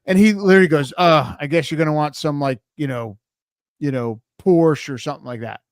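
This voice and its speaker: A middle-aged male podcast host with a somewhat high voice shares relaxed anecdotes and quotes the people in them along the way. The sound is dry and close, with no room echo. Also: a little fast. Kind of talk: casual interview chat.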